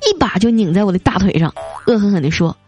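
A woman's voice: medium pitch, fast. A woman hosting a casual show, playfully reading out and teasing listener comments. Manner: playful, teasing, reads jokes with light voiced quotes. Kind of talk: casual chat. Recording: soft music behind.

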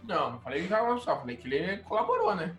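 A man's voice: high voice, huge pitch swings, racing, a bit bright. A man with a Brazilian accent giving colloquial, opinionated commentary in a casual sports discussion. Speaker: sports podcast panelist. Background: background music.

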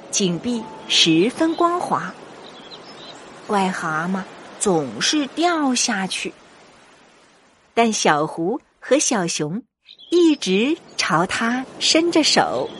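Female storyteller, animated intonation, slow pace, children's narration, soft background music. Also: medium pitch.

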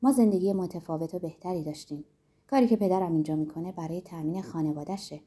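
A man's voice: sits high, dark tone, husky. A woman voicing a proud, homesick young man who speaks earnestly and insistently in a story. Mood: earnest, indignant.

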